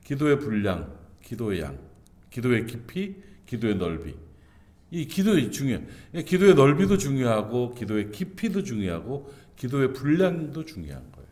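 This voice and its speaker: A man's voice: medium pitch, big pitch swings, normal speed, darkish tone. A male pastor preaching an early-morning sermon in a church, with earnest delivery that suddenly rises and falls. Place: church sanctuary.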